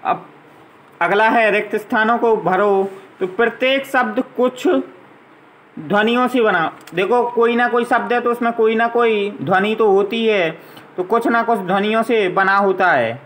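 A man's voice: sits high, fairly even intonation, normal speed, a bit bright, poor audio. A man teaching a grammar lesson to young children, patiently spelling out letters and vowel signs one at a time.

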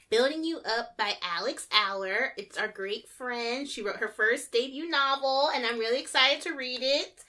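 A woman's voice: high voice, pushed and bright. A woman co-hosting a casual book chat, upbeat and rambling with unsure asides. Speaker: co-host.

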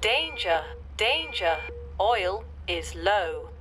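A woman voicing the calm computer of a talking camper van in a cartoon, with an even, announcing manner. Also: medium pitch, very slow, faint music behind, full character voice. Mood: warning. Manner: even, announcing tone of a navigation system. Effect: talking sat-nav computer. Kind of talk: cartoon voice acting.

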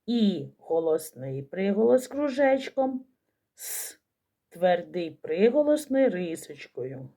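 A woman teacher giving a slow, careful phonics lesson to young children, sounding out each letter. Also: medium pitch, lively intonation, mellow.

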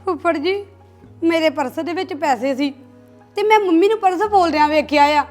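A young adult actress plays a young married woman in a family drama, tearful, pleading and indignant. Her voice is very high-pitched and moves at a moderate pace over soft background music.

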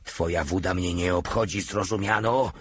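A stern older squad leader giving orders, as a man reads him aloud. The voice is low, gruff and commanding. A heavy husky grain runs through it. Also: normal speed, no echo.

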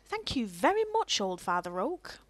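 A woman's voice: medium pitch, sing-song, normal speed, background noise, close to an everyday voice. A woman voicing an innocent, polite young boy, reading game dialogue in an earnest, wide-eyed way. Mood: eager, curious.

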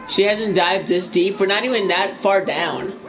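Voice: mid-range voice, measured pace, fairly bright tone. A gamer in casual co-op banter, crude and swearing constantly. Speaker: gamer playing co-op. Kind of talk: casual let's-play banter.

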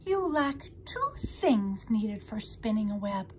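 A woman voicing a wise, patient female spider in a storybook reading, calm and measured. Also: medium pitch, slight background noise. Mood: gentle.

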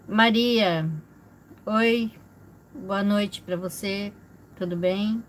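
A woman's voice: medium pitch, a little hiss or hum, rough recording. A woman in her forties from Brazil, hosting a casual livestream from a room at home and greeting viewers one by one with small laughs. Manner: slow, chatty, greets viewers by name with frequent small laughs. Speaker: livestream host. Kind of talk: casual live chat reading viewer comments. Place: indoor home room with a fish tank.

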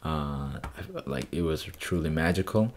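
A young man hosting a casual music reaction review, excitable and slangy, full of fillers. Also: rumbling low, moderate pace, slight background noise.

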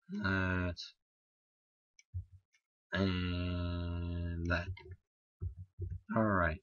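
A young man with a hoarse, strained voice, muttering halting let's play commentary full of ums. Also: deep voice, fairly bright tone, no room sound, dull audio. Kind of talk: casual gameplay commentary.

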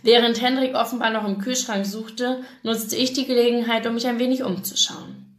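Speaking at a moderate pace in a voice on the high side with little pitch movement, a woman with a German accent gives a live reading of a romance novel. She narrates in first person and performs the dialogue, and the room is echoey.

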